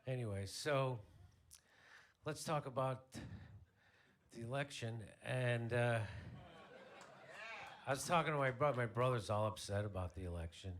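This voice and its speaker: A man's voice: mid-range voice, a little slow, pauses often. A middle-aged man from Chicago's South Side doing stand-up on a club stage, telling stories in a wry, conversational way and slipping into voices for the people he quotes. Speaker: stand-up comedian. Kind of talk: stand-up comedy routine. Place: comedy club stage before a live audience.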